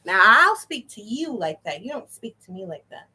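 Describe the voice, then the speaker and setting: A woman's voice: fairly high pitch, very animated, normal speed, pushed and bright, slightly rough. A woman delivering an indignant, profanity-filled rant straight to the camera. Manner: swearing, indignant, emphatic. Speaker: vlogger.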